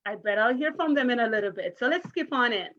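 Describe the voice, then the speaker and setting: A primary school teacher reads to children during an online virtual story time call, in an encouraging, careful and interactive way. Her voice is a little high, animated and fairly bright, with a quick pace, and the video call audio is muffled.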